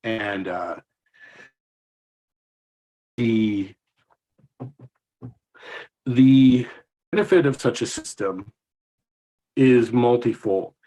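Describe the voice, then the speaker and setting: A man speaking as a guest over a video call whose audio cuts in and out, so his volume keeps rising and dipping, and he talks haltingly with many restarts. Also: mid-range voice, lively intonation, mellow, rough recording. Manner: halting, full of restarts and fillers. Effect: choppy call audio with uneven, dipping volume. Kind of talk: remote panel discussion.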